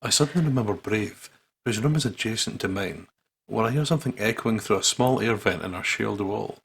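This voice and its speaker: A gaming channel co-host with a fairly low, fairly bright voice and some vocal fry talks a little fast on a slightly rough recording. Over game music, he does a playful let's-play, reading aloud, joking, swearing, and breaking into silly riffs.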